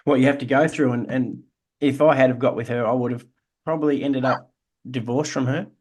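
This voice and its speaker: Aussie bloke on a podcast, mid-pitched voice, sincere and reflective. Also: male voice, fairly even intonation, brisk, a little mellow. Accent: Australian. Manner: earnest, reflective storytelling. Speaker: podcast co-host. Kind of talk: casual chat.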